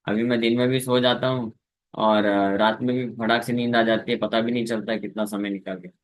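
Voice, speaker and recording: A man's voice: fairly low pitch, little pitch movement. A man preaching a scripture lecture, explaining Sanskrit verses in Hindi with English words mixed in and sometimes singing the verses. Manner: sings verses slowly between spoken explanation.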